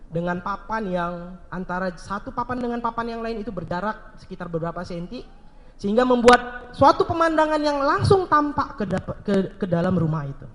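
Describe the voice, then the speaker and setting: High-voiced guy preaching at a seminar, rhetorical questions, echoey hall with faint music. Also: animated, a little fast, a bit bright, slight background noise. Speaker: motivational seminar speaker. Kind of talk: seminar talk with storytelling.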